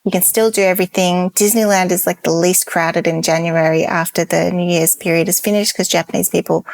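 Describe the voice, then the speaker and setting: A woman's voice: on the low side, fairly even intonation, brisk, vocal fry, no echo. A woman guest on a travel podcast, chatting casually and enthusiastically while giving practical tips.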